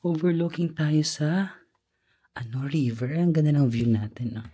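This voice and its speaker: A man's voice: on the high side, a little slow, mellow, husky. A young Filipino man with a Filipino accent, chatting playfully as he narrates a casual travel vlog. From Philippines. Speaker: travel vlogger.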